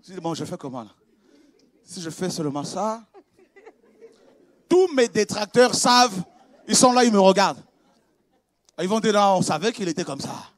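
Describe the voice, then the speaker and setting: A man preaching a sermon as pastor, swinging from quiet, conversational confiding to shouted exclamations, with laughs and repeated words. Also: high-pitched, expressive, moderate pace, long pauses, no echo.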